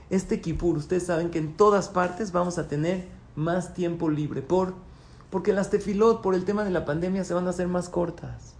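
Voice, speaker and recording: A man, a rabbi, giving a sermon, teaching through questions and answers, now pleading loudly, now dropping to soft asides. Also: a little high.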